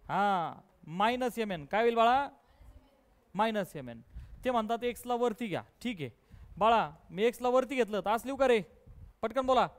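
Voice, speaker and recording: A man with a Marathi accent teaches maths and keeps pressing his students for quick answers. His voice sits very high and comes through smooth and clear. He sounds close to the mic. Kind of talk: live online class.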